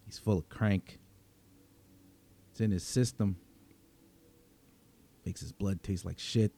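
Speaking in a rather low, slightly mellow voice, a man tells a dramatic tale in the first person as a wry, cynical vampire vigilante with a threatening edge. He uses slang and sardonic phrasing, pausing for effect.

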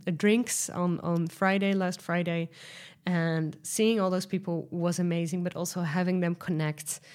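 This sales coach from the Netherlands has a fairly low, slightly mellow voice and a Dutch accent. Hosting her solo podcast, she talks through sales advice in an eager, conversational style, often using fillers and starting over.

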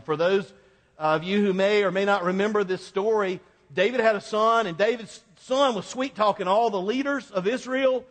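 A high, fairly bright male voice addresses a congregation in a sermon. The preacher keeps it colloquial and conversational, repeating phrases for emphasis, while the echoing hall adds a long reverb.

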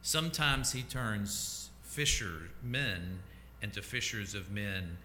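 Bright-voiced pastor preaching in an echoey church. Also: male voice, on the low side, lively intonation, slight background noise. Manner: slow, deliberate delivery that drops to a hush at phrase ends. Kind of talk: sermon.

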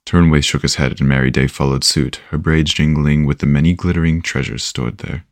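A man narrates a horror audio story with an extremely low voice. The sound is dry and close, with no room behind it. His reading is measured and steady. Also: gravelly, dry recording.

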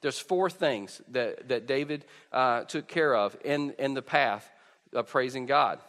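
Speaking into a pulpit microphone over a PA, a man delivers a conversational sermon to his congregation, often stammering as he starts his phrases. His voice is medium in pitch, a little slow and a bit bright, and the hall is echoey with long reverb.

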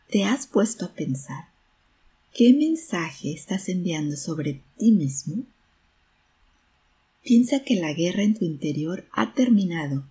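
A woman's voice: fairly low pitch, dark tone, husky. A woman hosting a self-help podcast, talking in an earnest, encouraging way. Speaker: podcast host. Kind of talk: motivational self-help talk.

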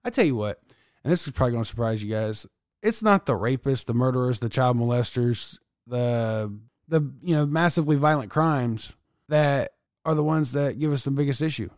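Blunt, profane man with a smooth voice. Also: mid-range voice, lively intonation, moderate pace, darkish tone, no echo, studio quality. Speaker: corrections officer guest. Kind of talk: casual podcast chat.

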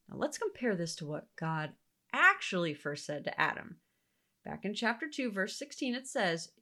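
Expressive woman giving Bible teaching. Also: mid-range voice. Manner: earnest, reflective, with soft whispered asides.

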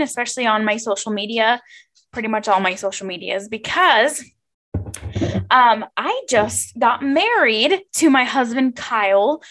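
A young woman speaks as the host of a personal podcast. Her voice sits a little high and her delivery is very unhurried. She is informal and chatty, confiding in the listener. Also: fairly bright tone.

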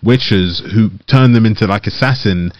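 A man's voice: fairly low pitch, normal speed, no room sound. Rambling man with a dry, dull-sounding voice. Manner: rambling, heavy use of "like" fillers. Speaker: podcast co-host. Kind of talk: casual chat about games.

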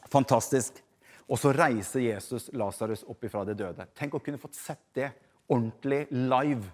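A man preaching a sermon who addresses the congregation directly, swinging between loud emphasis and hushed passages. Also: medium pitch.

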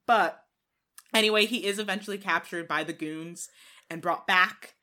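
A woman's voice: on the low side, normal speed, bright, forceful tone. A woman co-hosting a casual movie chat, retelling scenes and laughing often. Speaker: podcast co-host.

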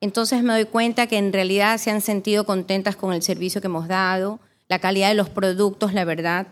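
A woman's voice: mid-range voice, fairly even intonation, a little fast. A middle-aged woman who founded a spa, casually recalling her early years and thanking her clients. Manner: warm reminiscing, grateful.

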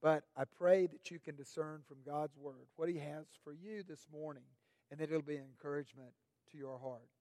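The sermon comes from a middle-aged pastor who is raspy this morning and speaks with measured deliberation, raising his voice on questions. His pitch is fairly high, his intonation fairly even and his tone dark, with no echo.

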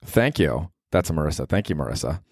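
Deep-voiced American man, animated podcast host. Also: quick pace, no echo, studio quality. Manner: profane, rambling, self-mocking. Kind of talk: casual solo comedy podcast chat.

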